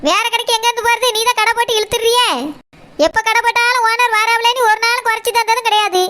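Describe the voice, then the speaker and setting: A performer playing a sharp-tongued, grumpy village mother, scolding and sarcastic in a comic skit. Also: very high voice, level tone, fast. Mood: grumbling. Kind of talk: comic story skit acting.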